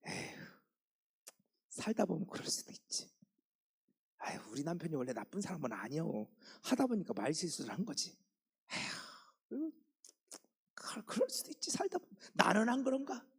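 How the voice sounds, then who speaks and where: A pastor doing a sighing wife talking herself down. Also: female voice, lowish voice, sing-song, normal speed, long pauses, slightly rough, exaggerated voice. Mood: sighing forgiveness. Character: angry then softening wife.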